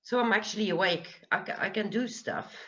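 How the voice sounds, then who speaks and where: A woman's voice: medium pitch, brisk, fairly bright tone, muffled recording. A woman on a video call describing her experience earnestly, with many hesitations and fillers. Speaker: guest giving a testimonial. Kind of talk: casual video call chat.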